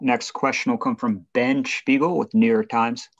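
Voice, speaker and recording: A man moderating a press conference, calling up reporters in a brisk, formal way. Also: mid-range voice, fairly even intonation. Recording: dull lo-fi conference audio.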